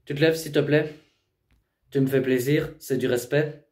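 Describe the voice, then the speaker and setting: A man working as a youth educator, speaking firmly and insistently but keeping a calm voice during a tense reality TV confrontation. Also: mid-range voice, normal speed, reverberant. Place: inside a family apartment.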